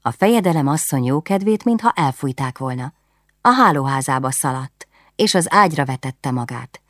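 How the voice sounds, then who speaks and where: A woman reading a historical novel aloud in calm, measured narration on a close studio mic. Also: very deep voice, no room sound. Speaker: audiobook narrator.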